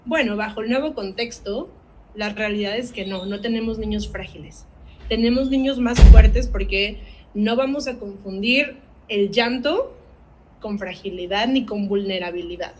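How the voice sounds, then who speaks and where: A woman's voice: medium pitch, normal speed, a little mellow, slight background noise, rough recording. A woman, an academic coordinator leading a parenting workshop, speaking earnestly and asking her audience rhetorical questions.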